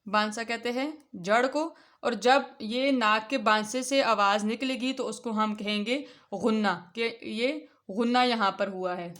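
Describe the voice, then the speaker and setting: A woman teaching a Quran reading lesson for children, explaining patiently and reciting letter names slowly and clearly. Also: a little high, a bit bright. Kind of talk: instructional lesson.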